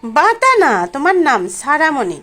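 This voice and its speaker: A woman, gently asking a toddler questions in a coaxing, sing-song home-video chat on a phone camera. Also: high voice, sing-song, normal speed. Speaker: parent filming a toddler.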